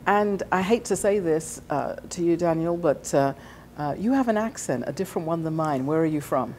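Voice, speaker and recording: A woman interviewing a student, asking questions in a friendly, halting way with many fillers. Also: on the low side, lively intonation, a little mellow, a little hiss or hum.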